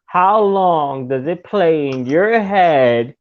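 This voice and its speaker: A man talking casually as a podcast guest, animated, jumping into high voices to act out his own thoughts. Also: slow pace. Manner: animated, acts out his own inner voice in high squeaky tones. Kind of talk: casual conversation. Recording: dull lo-fi audio.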